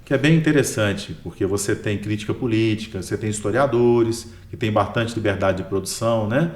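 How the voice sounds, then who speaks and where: A crowd murmurs in the background as a man with a lowish voice talks fairly quickly about his work as a history professor. The interview is relaxed and explanatory, delivered in a Brazilian Portuguese accent with a habitual questioning "né?" after most sentences. The recording has a roomy echo.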